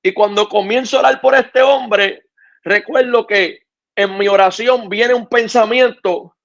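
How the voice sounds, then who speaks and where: Gravelly man giving testimony. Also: sits high, steady tone, a little slow, fairly bright tone. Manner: earnest storytelling, then preachy appeals to listeners. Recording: dull lo-fi radio audio.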